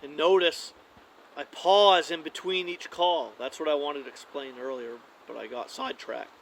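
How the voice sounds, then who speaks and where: Relaxed man explaining deer calls. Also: on the high side, normal speed, gravelly, poor audio. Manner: relaxed, conversational, with frequent "like" and restarts. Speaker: hunting call demonstrator. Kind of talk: casual how-to demonstration.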